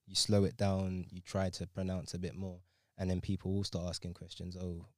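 A man's voice: low-pitched, completely flat delivery, fairly quick, dry recording, studio quality. A young man, speaking casually in a group discussion.

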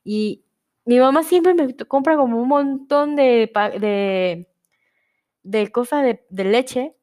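A young Panamanian woman hosts a casual solo podcast in a fairly high, somewhat dark voice, speaking slowly. She's chatty and rambling, often cutting herself off mid-word.

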